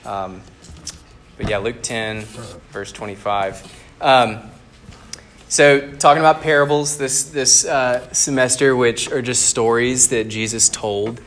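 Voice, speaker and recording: A man giving a relaxed, conversational sermon to a campus group. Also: medium pitch, slow, slight background noise. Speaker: campus ministry speaker. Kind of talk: casual sermon.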